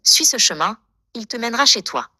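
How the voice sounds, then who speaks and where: Woman reading as kindly old storybook beetle, bright-voiced. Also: fairly high pitch, animated, a little fast, no room sound, exaggerated voice. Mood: kindly, reassuring. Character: kindly old male beetle guiding a young explorer. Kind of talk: children's storybook character reading.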